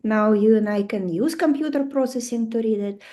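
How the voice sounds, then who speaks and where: A woman's voice: fairly high pitch, moderate pace, warm tone. A woman with a Russian accent giving an informal astrology lecture, emphatic and conversational, often putting rhetorical questions to her listeners. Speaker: astrology teacher. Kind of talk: informal lecture to a live group.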